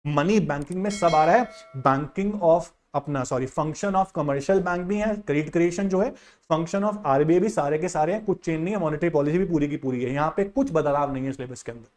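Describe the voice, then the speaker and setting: A man's slightly mellow, somewhat high voice moves at a moderate pace as he guides students through an economics exam syllabus. The lesson is a casual exam-guidance screen walkthrough. He's direct and insistent, calling them "yaar" and "bhai."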